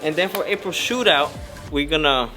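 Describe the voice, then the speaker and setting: A man talks casually to viewers while showing off his shop. His voice sits a little high and he sounds a little out of breath. Faint music plays underneath. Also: normal speed, bright, forceful tone. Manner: laid-back, mixes Spanish into English, repeats "guys". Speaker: channel host. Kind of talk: casual vlog talk. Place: his auto parts shop.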